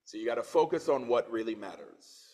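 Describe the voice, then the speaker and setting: A man's voice: medium pitch, animated, a little fast, darkish tone. A man in his forties from Trinidad, preaching a sermon in church, reading scripture with swelling emphasis and dropping into plain conversational asides. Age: 40s.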